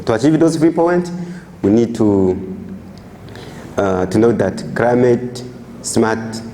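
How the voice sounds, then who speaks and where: A young Burundian man gives a student presentation, pausing to find his words. His voice is fairly deep and soft-edged, dark in tone. There is faint background noise. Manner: halting, searching for words. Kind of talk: classroom presentation.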